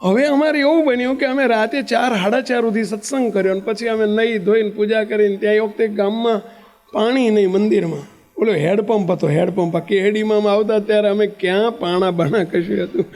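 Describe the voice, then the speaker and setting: A man with a high voice tells a story as a sermon, lively and vivid. He acts out the people he speaks of. His voice rings with the long reverb of a large hall. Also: fairly quick.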